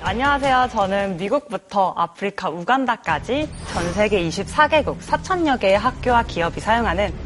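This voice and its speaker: A woman's voice: mid-range voice, expressive, moderate pace, hardly any pauses, music in the background. A woman in her twenties, a startup founder, politely introducing herself and her talk on a studio show. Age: 20s. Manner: polite, composed. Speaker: startup founder, guest lecturer.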